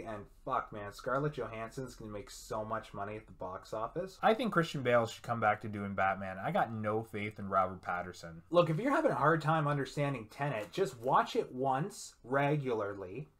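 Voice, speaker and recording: A man playing a brash, ranting movie fanboy. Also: medium pitch. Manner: ranting, profane hot takes. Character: obsessive young male movie fanboy, brash and opinionated. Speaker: movie reviewer. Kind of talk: short film acting.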